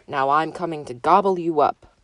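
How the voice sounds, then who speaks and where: A great ugly male troll from a storybook bellows his threats, voiced by a woman reading aloud. The roaring is slow, low and heavy. The sound is dry and close. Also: no echo. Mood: menacing. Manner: roaring, menacing.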